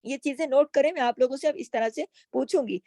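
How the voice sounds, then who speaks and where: In a high, mellow voice delivered briskly, a Quran recitation teacher leads a slow tajweed lesson with recited words. She patiently covers each letter, asking herself questions, and the studio-quality recording has no room sound.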